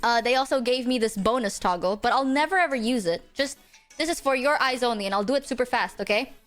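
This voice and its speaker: High-pitched, playful cute woman anime streamer. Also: fast, a bit bright, soft background music. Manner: giggly, teasing, exclamatory. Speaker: streamer host. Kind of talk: casual live stream chat.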